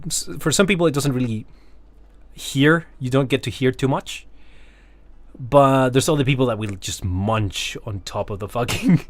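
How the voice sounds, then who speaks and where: A man's voice: medium pitch, no echo. A man streaming a video game, chatting casually and loosely with his chat, swearing freely and laughing at himself.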